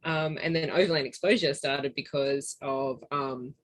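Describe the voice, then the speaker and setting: A woman's voice: low voice, fairly even intonation, measured pace, no room sound, low-quality recording. A woman from Newcastle in New South Wales with an Australian accent, a guest on a podcast who chats in a bubbly way, laughing often and using lots of fillers. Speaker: podcast guest, travelling photographer's partner. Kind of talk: casual interview chat.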